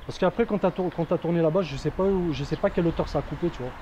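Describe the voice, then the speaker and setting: A video creator reviews gear outdoors beside a street, chatting casually in slangy, informal speech packed with verbal tags. His voice sits on the high side, warm and rapid-fire. Faint traffic noise runs under the recording.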